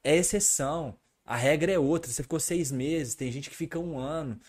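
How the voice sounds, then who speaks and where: Animated man on a podcast. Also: moderate pace, slightly rough. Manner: animated, gets louder and higher when worked up. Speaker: podcast co-host. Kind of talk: casual podcast chat.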